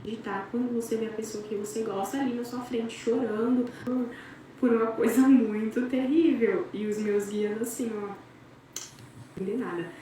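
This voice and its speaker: A woman's voice: fairly high pitch, fairly even intonation, normal speed, dark tone. A young adult Brazilian woman telling a gossip story in a chatty, dramatic way, speaking straight to her friends. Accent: Brazilian Portuguese. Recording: very echoey room, far from mic, faint noise.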